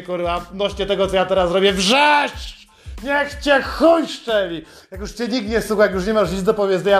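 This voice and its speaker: A man hosting a podcast, delivering a sarcastic, heavily profane satirical monologue. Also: sits high. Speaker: podcast host.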